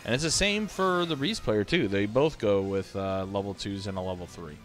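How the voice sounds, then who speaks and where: A man with a lowish voice calls fighting game matches in a relaxed, thinking-aloud way, full of fillers. He sounds sleepy and easygoing. Faint music plays underneath. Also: moderate pace. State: sleepy, yawning. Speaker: live streamer commentating matches. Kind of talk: casual fighting game commentary.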